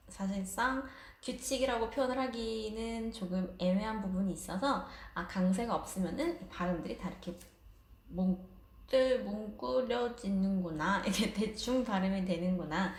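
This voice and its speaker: Patient woman teacher, echoey room. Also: medium pitch. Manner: patient, explanatory, laughs lightly. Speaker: Russian language teacher. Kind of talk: casual online language lesson.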